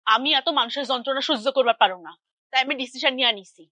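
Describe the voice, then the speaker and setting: An actress playing a spiteful young sister-in-law who complains dramatically. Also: female voice, sits high, fast, pushed and bright, no echo, lo-fi sound. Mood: outraged. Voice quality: whiny, dramatic.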